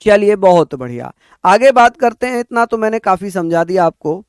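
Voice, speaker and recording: A man from northern India teaching an exam-prep lecture, repeating points slowly for students to write down. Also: sits high, lively intonation, smooth, no room sound, studio quality. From Uttar Pradesh, India. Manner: addresses students as bhaiya, repeats points for dictation.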